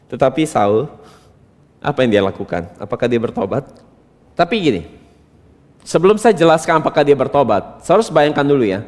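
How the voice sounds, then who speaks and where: A male pastor preaching a sermon from Indonesia, asking rhetorical questions and swinging between quiet asides and loud emphatic bursts. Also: mid-range voice, sing-song, normal speed, long pauses. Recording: reverberant church hall.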